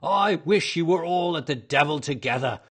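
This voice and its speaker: A man's voice: mid-range voice, animated, normal speed, fairly bright tone, pitched above the performer's own voice. A man voicing a surly, hot-tempered market poultry seller in a storybook, blustering and combative. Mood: furious. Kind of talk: audiobook character voice.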